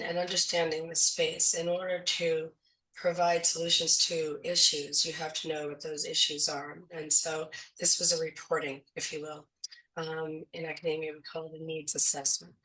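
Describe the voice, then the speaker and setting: A woman's voice: deep voice, level tone, moderate pace, fairly bright tone, recorded from a distance, rough recording. A woman running for school board, explaining things in a thoughtful, casual way with many fillers while she is losing her voice. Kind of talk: casual discussion.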